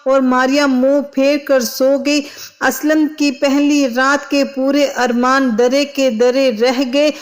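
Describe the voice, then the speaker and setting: A woman narrating a moral storybook with slow, steady reading. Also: high voice.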